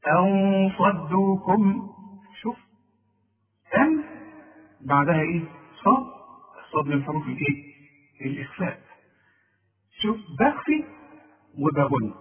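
A man with an Egyptian Arabic accent teaches a tajweed lesson, patiently quizzing the listener with questions he answers himself. He slowly draws out recited examples with a nasal hum. His voice is a little high with big pitch swings, heard through a distant mic and tinny, phone-like sound.

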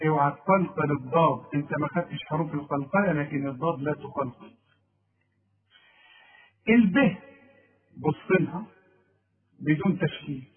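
A man with an Egyptian accent teaching Quran recitation rules, correcting a student and repeating sounds slowly. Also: fairly high pitch. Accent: Egyptian Arabic. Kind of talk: tajweed lesson. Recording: tinny phone-like audio.

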